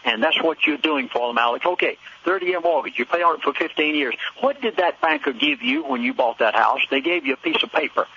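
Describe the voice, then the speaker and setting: A man speaking as a guest on a talk radio show, urging listeners directly and talking fast. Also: on the high side, creaky, bright, forceful tone, a little hiss or hum. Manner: urgent, preachy, addresses listeners directly. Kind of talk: radio interview. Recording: lo-fi phone line.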